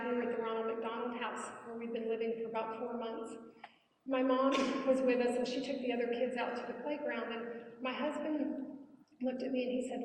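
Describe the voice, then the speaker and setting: A middle-aged woman with a high voice tells a personal story to a live audience. She swings from hushed quiet to loud, dramatic bursts. She is heard from a distance in a big hall with a long, booming echo. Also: slight background noise. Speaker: speaker. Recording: echoey hall, picked up from far off.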